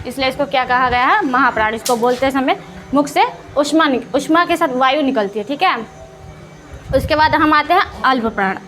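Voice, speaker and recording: A woman's voice: sits high, fairly bright tone. A woman teaching Hindi grammar to students, asking questions and answering them herself, repeating each key term and drawing out the example sounds. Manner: drawn-out sounds when showing vowel and consonant examples. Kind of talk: classroom lesson explaining to students.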